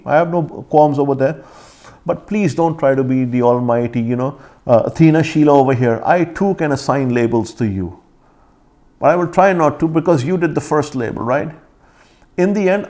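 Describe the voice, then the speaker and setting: Man, accented, indignant rebuttal vlog, fairly high voice, confrontational. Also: gravelly, darkish tone. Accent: foreign accent. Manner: indignant, confrontational, addresses critic directly. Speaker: vlogger.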